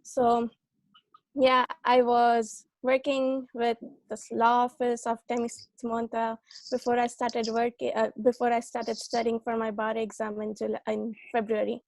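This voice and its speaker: A woman with a fairly high but flat-toned voice speaks steadily on an online panel, dotting her talk with ums. The sound is dry and close, as over a video call. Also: unhurried, vocal fry, no echo. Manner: steady, with frequent um and so. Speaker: legal assistant, panelist.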